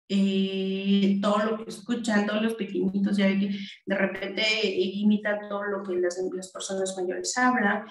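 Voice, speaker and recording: A woman's voice: mid-range voice, a little mellow, roomy sound, low-quality recording. A woman with a Mexican Spanish accent giving a video conference talk as a language specialist, chatty, with many fillers and restarts. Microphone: video call.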